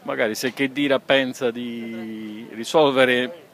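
Gravelly male football fan outdoors. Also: mid-range voice, fairly even intonation, slow pace, a bit bright. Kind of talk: vox pop interview.

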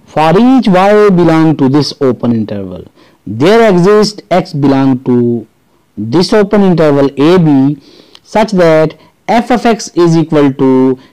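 A man with a Pakistani accent narrating a scripted maths lesson as a teacher, explaining deliberately step by step. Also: on the high side, big pitch swings, warm tone, low-quality recording. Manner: deliberate step-by-step explaining, switching between English and Urdu.

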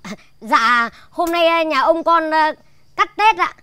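A meek little servant, bowing with every polite word. His voice sits high and thin, and it is heard dry and close. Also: measured pace, pushed and bright, dry recording, exaggerated voice. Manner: deferential, keeps adding polite particles. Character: tiny meek male servant, whiny and polite.

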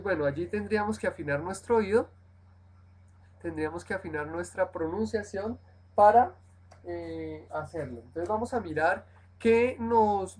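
Slow, husky woman teaching a lesson. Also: fairly low pitch, darkish tone, rough recording. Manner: explains step by step, keeps checking with "¿sí?"; models English words slowly and repeats them. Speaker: English teacher. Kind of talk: live-streamed language lesson.

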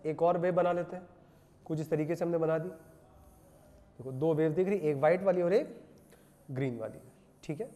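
A man's voice: fairly high pitch, normal speed, pauses often, dark tone. A male physics teacher giving a classroom lecture, asking rhetorical questions and repeating the answers. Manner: asks rhetorical questions and repeats answers, calls students "beta". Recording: long hall reverb.

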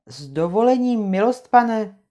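A woman voicing a timid male gamekeeper who objects humbly and slowly. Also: medium pitch, expressive, mellow, lightly acted. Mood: humble.

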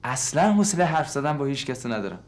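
A man's voice: medium pitch, big pitch swings, natural voice. A man playing a sarcastic fed-up painter. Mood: irritable. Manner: sarcastic, snapping. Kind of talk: sitcom acting.

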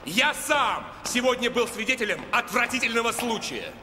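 A man's voice: extremely high pitch, lively intonation, moderate pace, pushed and bright, soft background music, full character voice. An actor in his thirties playing a hard, menacing male gang leader haranguing his men in a film drama. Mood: angry, haranguing. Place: large indoor sports hall. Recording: reverberant hall, faint background noise.

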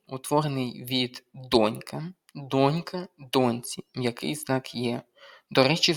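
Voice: mid-range voice, a bit bright. A language tutor giving an exam-prep grammar lesson, spelling out letters one by one and dictating lists of example words.

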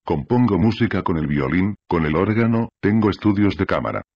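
Man doing eager young musician, deep voice, dull recording. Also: lively intonation, a little fast, no echo. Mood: earnest. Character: young earnest male musician. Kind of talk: audiobook character reading.

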